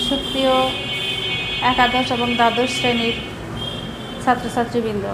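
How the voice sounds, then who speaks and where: A woman teacher giving a recorded class lecture, explaining slowly with pauses and repeating example words. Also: on the high side, flat delivery. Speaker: Bangla teacher. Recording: echoey room with background noise.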